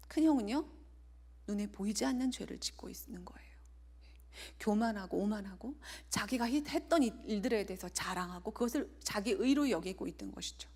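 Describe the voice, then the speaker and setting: Earnest woman preacher, slightly high voice. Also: warm tone. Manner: earnest, often dropping to a near whisper. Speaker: evangelist. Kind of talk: sermon with personal testimony.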